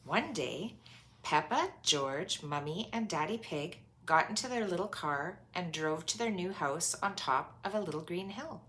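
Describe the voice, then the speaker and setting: A woman with a bright, fairly low voice reads a picture book aloud. Her delivery swings widely in pitch, and she stresses and stretches words for young listeners. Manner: animated, emphatic, drawn-out words for young listeners. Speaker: storyteller reading a children's book aloud. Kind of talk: expressive children's read-aloud with asides.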